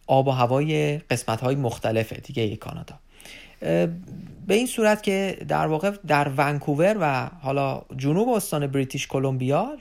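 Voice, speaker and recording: A man's voice: a little high, creaky. Man explaining at an easy, hesitant pace. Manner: unscripted explaining with many filler pauses; addresses listeners as friends. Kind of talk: informational video talk.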